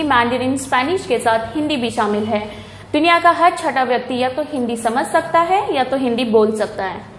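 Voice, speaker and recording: Woman teacher, high voice, explanatory school speech in an echoey room with faint noise. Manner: explanatory, lists examples slowly. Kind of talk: Hindi Day speech.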